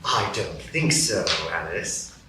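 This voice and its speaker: A man voicing the Cheshire Cat, a sly, teasing and mysterious cat, in a slow, drawling, mocking way in a live radio play. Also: deep voice, very animated, exaggerated voice. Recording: echoey room, mic from far off, faint background noise.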